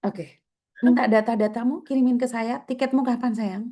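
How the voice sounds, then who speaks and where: Wanita beraksen Jawa, menenangkan dan mendesak. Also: female voice, on the high side, steady tone, normal speed, dark tone. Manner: soothing, urgent, repeats words. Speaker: host advising migrant workers. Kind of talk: emotional video call.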